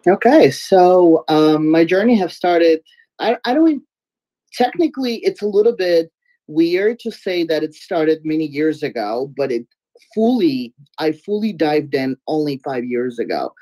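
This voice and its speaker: This guest artist from Belarus, a native Russian speaker, has a deep, slightly nasal voice and speaks at a measured pace. She's giggly, expressive and sometimes loud in a casual interview, recorded indoors in a home room through a video-call webcam. The audio is low quality but free of echo.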